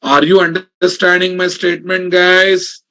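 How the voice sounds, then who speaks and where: A man with a Telugu Indian accent and a fairly high, gravelly voice teaches programming in a live online class. He drives points home emphatically, repeating sentences and often asking whether students follow. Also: monotone, measured pace, bright, forceful tone. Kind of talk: live online coding lesson.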